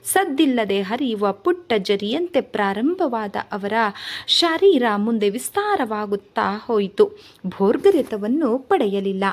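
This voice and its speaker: A woman storyteller reading a novel aloud, with measured, expressive first-person narration. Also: fairly high pitch.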